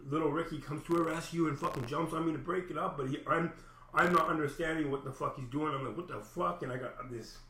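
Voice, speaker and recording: Heavy swearing runs through this man's agitated, rambling account of something that happened to him. He talks quickly in a big, a little high voice with a sharp tone, and the space is echoey.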